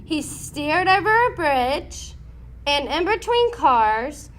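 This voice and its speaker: Reading a children's storybook aloud in a high voice, a woman narrates with expressive, dramatic emphasis, placing each stress deliberately.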